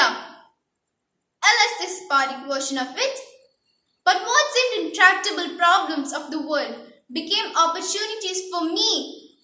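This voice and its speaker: A woman's voice: extremely high pitch, pushed and bright. A teenage girl student declaiming a memorised speech with prim, precise, carefully enunciated elocution. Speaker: student contestant in a declamation contest. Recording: echoey room.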